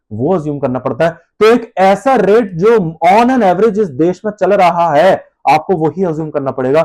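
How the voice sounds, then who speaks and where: A man's voice: fairly high pitch, a little mellow. A male accounts teacher giving a conversational lecture, calling students "beta", voicing their replies himself and often correcting and repeating himself. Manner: conversational, self-correcting, repeats key terms. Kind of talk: Hindi classroom lecture.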